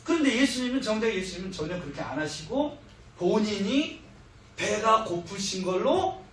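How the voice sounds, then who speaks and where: A middle-aged missionary speaker preaches in a church hall, very animated, telling stories with humor and acting out quoted lines. His voice sits high with a fairly bright tone at normal speed. The hall echoes and he sounds far off, with a little hiss or hum.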